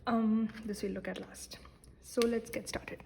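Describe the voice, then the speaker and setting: A young woman giving a relaxed painting lesson, chatty and self-deprecating, with many fillers and soft whispered asides. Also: mid-range voice, a little slow, vocal fry, slight background noise, low-quality recording. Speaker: art teacher. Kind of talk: casual painting tutorial.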